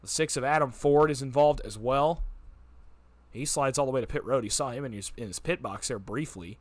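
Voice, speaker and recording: A man calling a race as the play-by-play announcer, rattling off positions quickly and building excitement on big moments. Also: medium pitch, dry recording. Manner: rapid-fire, auctioneer-like calling when the pack is close. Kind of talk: sim racing play-by-play commentary.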